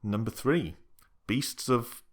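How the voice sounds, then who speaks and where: A man narrating a casual game review in a measured, explanatory way, often pausing with "um". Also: medium pitch. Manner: measured, explanatory, with frequent ums.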